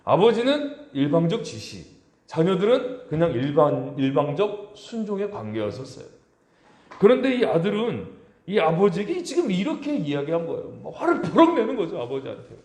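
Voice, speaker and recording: A man's voice: on the high side, big pitch swings, moderate pace, a little mellow, reverberant. A man in his forties preaching a sermon as pastor, acting out quoted voices with big swings in tone. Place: church sanctuary.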